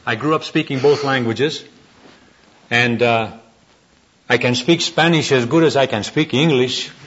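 Man, preacher, born in the United States, folksy storyteller, husky voice, dull lo-fi recording. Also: medium pitch, measured pace. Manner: folksy storyteller, gentle and earnest. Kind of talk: sermon with storytelling.

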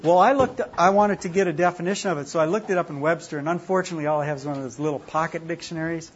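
A Minnesota man with a Minnesota accent leads an informal class discussion, chatty and self-deprecating as he teaches the group. His husky voice sits on the high side and comes out rapid-fire, with the highs cut off.

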